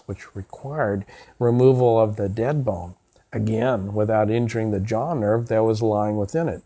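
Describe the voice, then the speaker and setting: An older man, an oral surgeon, giving a scripted educational narration of case histories in a measured, formal manner with emphasis on key words. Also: lowish voice, warm tone. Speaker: oral surgeon presenting cases.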